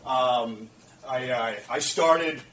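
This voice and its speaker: A man's voice: medium pitch, extremely slow, a bit bright. Chatty man in an echoey lecture room. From Boston area, USA. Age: 40s. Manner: chatty and rambling, with restarts and asides to the audience. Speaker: guest speaker. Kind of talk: informal talk to students. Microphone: far 360 camera. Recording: echoey room, distant mic, faint background hum.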